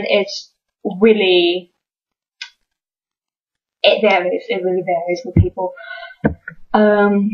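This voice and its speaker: A woman's voice: mid-range voice, muffled recording. A young woman from Georgia, with a slight Southern accent, chatting casually to camera in an enthusiastic way, often repeating words. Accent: Georgia, US South, with slight northern tinge. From Georgia, USA. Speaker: vlogger doing an accent tag.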